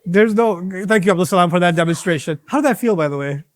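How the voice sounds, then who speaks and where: A man's voice: sits high, expressive, fast talker. A man giving an interactive religious lesson to young people in a mosque, playful and teasing, acting out bits of dialogue. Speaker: teacher of young audience.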